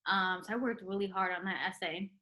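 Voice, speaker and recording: Chatty and bright-voiced, a young adult woman of Puerto Rican heritage speaks a little fast in a mid-range voice as a guest in a casual interview, where she's identified as a retired nurse. She laughs often and uses plenty of ums and likes.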